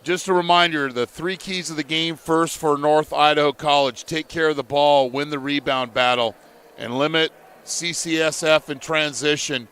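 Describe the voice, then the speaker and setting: A man calling a live college basketball game play by play, in measured, steady calls. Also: a little high, clear, resonant tone. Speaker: play-by-play commentator.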